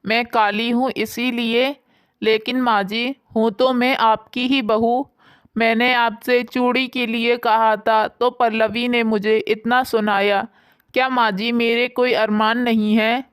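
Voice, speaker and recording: A woman doing a gentle, meek young daughter-in-law in a bedtime storybook, earnest and pleading. The voice is smooth and fairly high, with a dry close sound. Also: little pitch movement, slow, dry recording.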